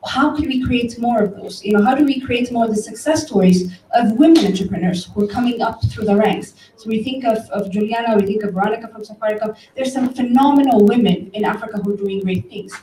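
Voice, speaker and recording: Speaking fast with few pauses, an Ethiopian woman with a slightly high, dark-toned voice tells stories to an audience in an event room, speaking to them directly. She is a tech company director giving an informal conference talk, recorded on a distant mic that sounds roomy, with faint background noise.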